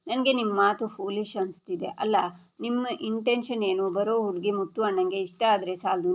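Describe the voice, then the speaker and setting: A woman narrating a TV serial episode recap, reading every character's lines in an even storytelling voice. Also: mid-range voice, vocal fry. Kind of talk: reading a serial recap aloud, voicing all dialogue. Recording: dull lo-fi audio.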